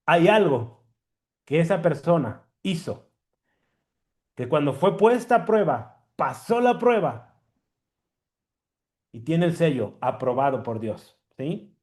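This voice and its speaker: High-voiced preacher teaching a sermon. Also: male voice, very animated, darkish tone. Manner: teaching, repeats key words slowly and asks "¿sí?".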